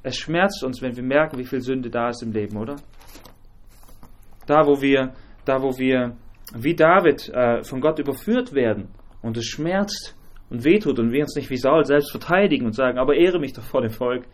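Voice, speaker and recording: A man teaching a Bible study group, talking in a halting way with many fillers and restarts and asking the group questions. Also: medium pitch.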